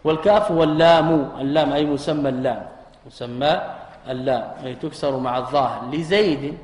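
Sheikh teaching grammar in an echoey hall. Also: male voice, fairly high pitch, a little fast, darkish tone. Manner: rhetorical questions, repeats key terms. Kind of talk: recorded classroom lesson.

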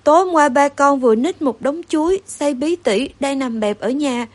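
A woman's voice: high voice, moderate pace, close to an everyday voice. Woman doing a frantic stammering boy mouse. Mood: insistent. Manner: stammering, breathless.

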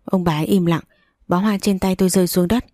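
A woman reading a first-person love story aloud in a slow, measured way. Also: on the low side, steady tone, warm tone, dry recording, clean studio sound. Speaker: narrator.

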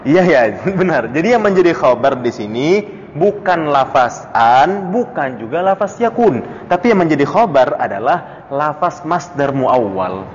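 A man leads a study circle, his fairly high voice swinging up and down as he quizzes students. The sound is dull and lo-fi, with a long hall reverb and a faint hiss underneath. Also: normal speed. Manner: questions students by name, chuckles, animated pitch jumps. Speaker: ustadz teaching a classical Arabic text. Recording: dull lo-fi audio in a reverberant room.

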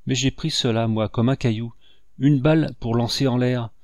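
A man's voice: medium pitch, fairly even intonation, normal speed, a little mellow, no room sound, studio quality, lightly acted. A man voicing a passionate, remorseful nine-year-old boy in a storybook reading, pleading in a breathless confession.

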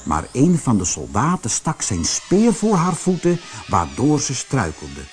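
A man narrating a children's storybook in an expressive, animated way. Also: mid-range voice, measured pace, soft background music.

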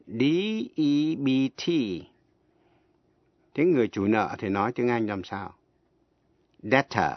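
A man teaching an English lesson on the radio, speaking slowly and spelling words out letter by letter. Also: fairly low pitch, no room sound. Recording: dull lo-fi radio broadcast.

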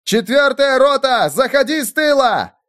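A man's voice: fairly high pitch, big pitch swings, fairly quick, voice pushed up. Urgent duke barking orders in battle, man doing it; raised, clipped. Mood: commanding. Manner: barking short commands. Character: young duke commanding an ambush, urgent.

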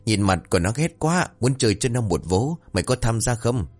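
A man voicing a young village prankster who eagerly pitches a scheme to his friends. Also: expressive, a little fast, faint music behind, close to an everyday voice. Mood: eager scheming. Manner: eager, conspiratorial, boastful.

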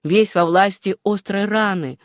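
A woman narrating a novel in a steady, even storytelling manner. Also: mid-range voice, a little slow, dry recording, studio quality. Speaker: audiobook narrator.

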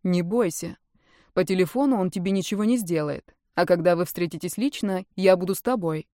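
A woman reading aloud voices a calm young man who speaks in a quiet, measured way. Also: fairly low pitch, no echo, studio quality, close to an everyday voice. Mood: reassuring.

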